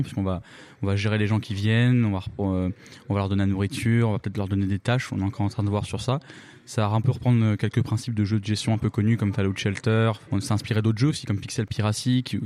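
Fast-talking, low-voiced young Frenchman. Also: dark tone. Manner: rambling, joking, many fillers. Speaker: game jam team project lead. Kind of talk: casual interview chat. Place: busy game jam venue.

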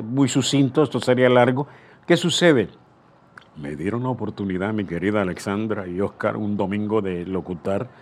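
Older veteran announcer telling stories. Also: male voice, on the low side. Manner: animated storyteller, acting out dialogue, restarts. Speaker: veteran radio announcer, guest. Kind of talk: anecdotal interview storytelling.

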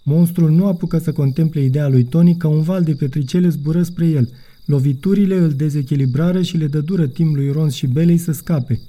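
A man reading a children's audiobook as narrator, in an even storytelling manner. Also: fairly high pitch. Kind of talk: scripted narration.

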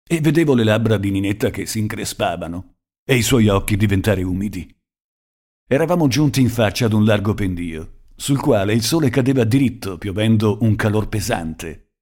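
A male narrator with a fairly low voice reads a short story aloud. His delivery is measured and expressive, in a scripted storytelling style.

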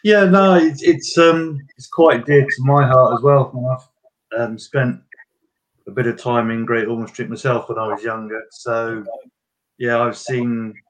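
A man's voice: medium pitch, fairly even intonation, unhurried, low-quality recording. A man on a fan podcast panel speaking in a sincere, thoughtful way. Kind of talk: casual podcast chat.

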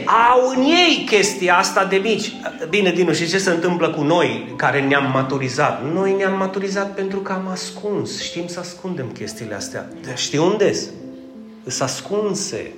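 A man's voice: high voice, lively intonation, roomy sound, over music. A man preaching a conversational sermon, joking and asking the congregation questions.

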